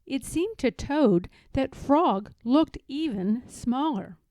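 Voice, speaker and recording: A woman narrates a children's story at a slow pace. Her voice is mellow and highish, with very lively intonation and a close, dry sound. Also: no room sound. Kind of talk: children's storybook read-aloud.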